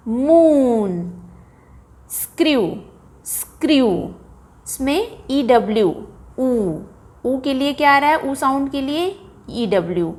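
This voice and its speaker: A woman with an Indian accent, teaching a phonics lesson for children, saying each example word slowly and clearly. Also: high-pitched. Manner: slow, clear word-by-word modeling of sounds.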